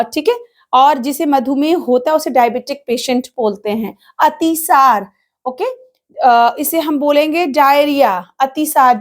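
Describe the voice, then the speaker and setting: High-voiced woman teaching English words. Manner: spells words letter by letter, slowly and deliberately; explains in Hindi with English words mixed in. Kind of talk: spoken English vocabulary lesson.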